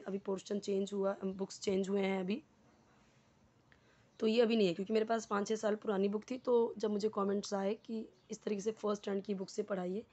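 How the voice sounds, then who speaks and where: An Indian woman teaching a beginner's English lesson, mixing Hindi and English, reading English slowly and explaining each word. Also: medium pitch, dark tone, highs cut off. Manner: slow, deliberate when reading English, quicker in Hindi explanations; explains word by word, repeating for learners.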